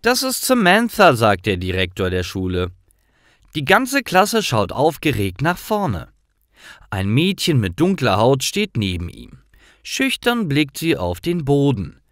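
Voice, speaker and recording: At a very unhurried pace, a man with a medium-pitched voice narrates a scripted story meant for language learners. He keeps his phrases short and carefully separated while his intonation swoops wildly up and down. The studio-quality recording has no echo.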